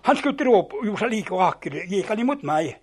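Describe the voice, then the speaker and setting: An older man telling lively anecdotes from his youth, acting out the dialogue and often stumbling and restarting words. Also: sits high, husky. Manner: animated yarn-spinning, acting out dialogue, repeats and restarts words. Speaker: storyteller. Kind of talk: spoken reminiscence, telling old anecdotes.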